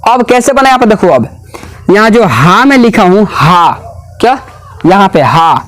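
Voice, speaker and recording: A man with a high-pitched voice teaches a grammar lesson in a classroom. He keeps firing questions at the class and repeats each answer back to them. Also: big pitch swings, a little slow, a bit bright, faint music behind.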